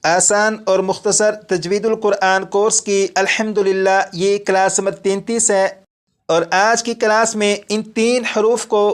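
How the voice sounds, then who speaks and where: A man teaching Quran recitation as a classroom lesson, patiently repeating each point and sounding out letters slowly. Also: high voice.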